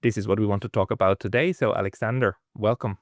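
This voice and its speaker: A man hosting an interview, opening with a measured, storytelling introduction before asking questions. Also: fairly low pitch, steady tone, no room sound, studio quality. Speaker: host.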